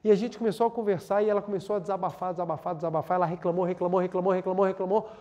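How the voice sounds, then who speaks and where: A man's voice: high voice, fairly even intonation, very fast, mellow, lo-fi sound. A man with a Brazilian Portuguese accent giving an earnest spiritual lecture, repeating words for emphasis and leading a meditation. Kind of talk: spiritual talk and guided meditation.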